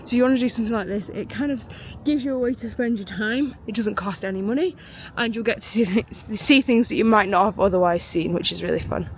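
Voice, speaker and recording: Girl rambling on about her day, upbeat vlog chat, loud street noise all around. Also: mid-range voice, fairly quick. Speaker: travel vlogger. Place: outdoors in a city street and a small hotel bathroom. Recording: noisy outdoor street recording.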